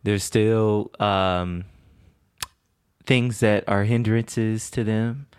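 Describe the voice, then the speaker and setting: Low-voiced young man chatting casually. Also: steady tone, extremely slow, a little mellow, clear, resonant tone. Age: 20s. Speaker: podcast co-host. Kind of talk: casual couple's podcast chat.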